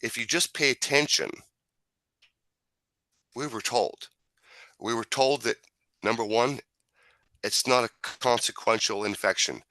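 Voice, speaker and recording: Male talk host, bright forceful voice with smoker's rasp, emphatic, sweary, repeats points, close dry sound. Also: medium pitch, unhurried, long pauses, dry recording. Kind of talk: casual opinionated talk.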